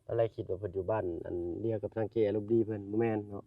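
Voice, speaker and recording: Talking very fast in a lowish voice with little pitch movement, a vlogger with an Isan accent narrates outdoors in a village. The sound is dry and muffled, his voice distant from the mic. He chats with people he meets and calls his viewers brothers and sisters.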